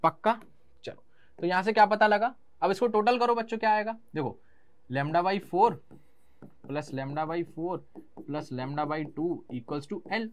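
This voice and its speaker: A man's voice: high voice, slow. A young Indian man teaching physics in an online class. He mixes Hindi and English terms and answers his own questions in a student's voice.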